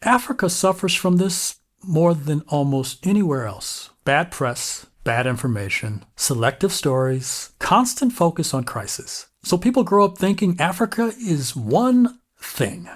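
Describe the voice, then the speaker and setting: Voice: medium pitch, big pitch swings, measured pace. Vlogger, solo commentary, punchy listed phrases, voice rising and falling a lot. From United States. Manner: emphatic, listing points in short punchy phrases. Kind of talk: reflective solo commentary to camera.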